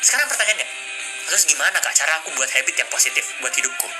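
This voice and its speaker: A man's voice: on the high side, big pitch swings, rapid-fire, music in the background. A man hosting a casual live stream, coaching viewers on public speaking and mixing English phrases into his talk. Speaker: livestream host. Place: indoors at a desk with a laptop.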